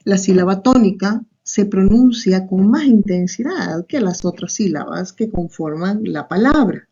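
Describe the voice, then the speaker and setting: A woman's voice: mid-range voice, lively intonation, measured pace, mellow, slightly rough. A woman teacher with a Salvadoran Spanish accent, giving a recorded online class and explaining step by step, often tagging on a questioning aside. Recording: muffled lo-fi recording.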